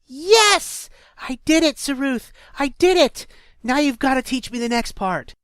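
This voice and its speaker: A man voicing an eager young male creature with a tail, chanting in a sing-song way and crying out in excitement. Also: high voice, drawn-out words, no room sound, clean studio sound, voice pushed up, heavily acted. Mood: excited.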